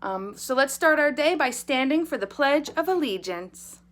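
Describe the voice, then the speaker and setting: A woman's voice: high-pitched, animated, moderate pace, a bit bright. A woman speaking as a school principal, giving an earnest, upbeat morning address to children and their families. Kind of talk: morning announcement video address to pupils and parents.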